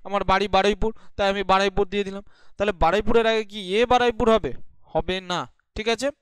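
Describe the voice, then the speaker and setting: A male teacher leads a classroom grammar lesson. His voice is high and smooth, and it sits dry and close to the mic. He asks his class questions, answers them himself and keeps checking that they follow. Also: no room sound. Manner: explaining patiently, checking in often. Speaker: English teacher.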